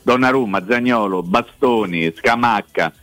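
A man's voice: on the low side, unhurried, fairly bright tone, dry recording. A man hosting a football talk show, chatting casually and addressing listeners directly. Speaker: host.

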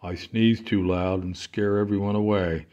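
A man's voice: lowish voice, fairly even intonation, normal speed, darkish tone, highs cut off, close to an everyday voice. A man voicing a timid, self-conscious female goat in a storybook, bleating her words. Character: timid female goat who sneezes loudly.

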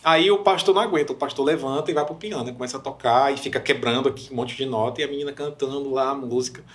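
A young Brazilian man, a worship minister, chatting on a podcast and telling stories with lively, emotional retellings. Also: medium pitch, quick pace. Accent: Brazilian Portuguese. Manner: animated storyteller, acts out quoted voices. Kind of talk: casual podcast chat.

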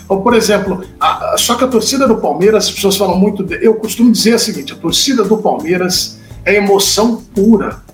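A man with a high voice tells a sports reporting story in relaxed conversation, switching into the voices of the people he quotes. The room sounds roomy and echoey. Faint music plays in the background. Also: fairly quick, hardly any pauses. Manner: animated anecdote-telling, acts out quoted dialogue. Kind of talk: casual storytelling chat.

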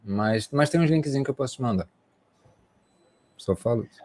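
A man's voice: medium pitch, lively intonation, moderate pace, darkish tone. A man with a Brazilian Portuguese accent, co-hosting a sports talk show and reflecting casually at the close, rambling with fillers. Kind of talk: casual wrap-up chat.

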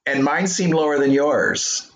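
A man co-hosting a casual remote podcast, talking with many pauses, ums and restarts. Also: fairly high pitch, steady tone, a bit bright, echoey room. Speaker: podcast co-host.

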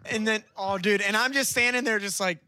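A man's voice: high voice, a little fast, pushed and bright, dry recording. A man in a band telling a story in casual chat, swearing, laughing and quoting people. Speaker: band member.

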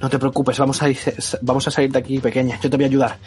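A man's voice: mid-range voice, level tone, very fast, natural voice. A man playing a brave, protective woman. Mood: reassuring. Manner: urgent, reassuring.

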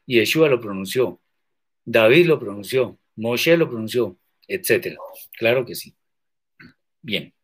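A man teaching scripture in a measured, deliberate way, answering viewer questions and stressing points with sharp questions. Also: medium pitch. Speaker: religious teacher.

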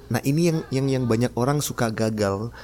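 A man's voice: medium pitch, normal speed, darkish tone. A man hosting his own podcast, talking casually about public speaking and laughing often. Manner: chatty, laughs often, demonstrates tones. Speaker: podcast host.

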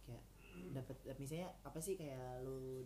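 A woman's voice: rumbling low, measured pace, mellow. A woman co-hosting a casual chat, rambling with many fillers and restarts. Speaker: podcast co-host.

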